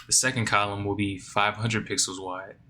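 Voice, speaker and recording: A man's voice: lowish voice, flat delivery, normal speed, sharp tone. A man working through a coding lesson, reading the text aloud and then puzzling over it in a sleepy, think-aloud way. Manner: reads lesson text aloud, then muses and questions himself. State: sleepy, yawning. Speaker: coding learner.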